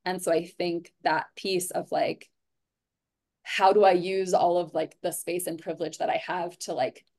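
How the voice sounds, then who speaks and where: Thoughtful female guest, somewhat low-pitched, chatty and earnest, leans on "like" and "right?". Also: level tone, moderate pace, a little mellow. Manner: earnest and reflective, many "like" and "right?" tags. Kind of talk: conversational podcast chat.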